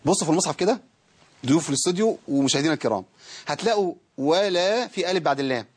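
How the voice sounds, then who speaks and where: A man with an Egyptian Arabic accent teaching Quran recitation in a TV studio, explaining eagerly and stretching sounds out slowly to demonstrate them. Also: a little high, lively intonation, darkish tone, breathy edge. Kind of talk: televised teaching lesson. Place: television studio.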